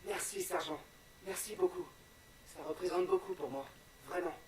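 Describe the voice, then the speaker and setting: A man's voice: sits high, huge pitch swings, moderate pace, gravelly, exaggerated voice. An actor playing an anxious, deferential male soldier who pleads earnestly in a video game. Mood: grateful. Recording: slightly distant, crowd chatter behind.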